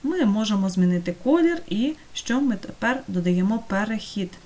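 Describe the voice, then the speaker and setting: A woman teaching an online course, talking through a screen-recorded software tutorial step by step and checking in with her students. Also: medium pitch, animated, moderate pace. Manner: patient, step-by-step, checks in with "так?".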